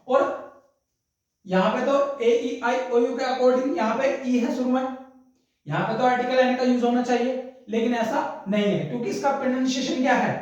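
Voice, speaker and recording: A male grammar teacher giving a classroom lesson. He repeats each point, asks his students rhetorical questions and calls them "brother". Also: extremely high pitch. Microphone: distant microphone. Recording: very echoey room, far from mic.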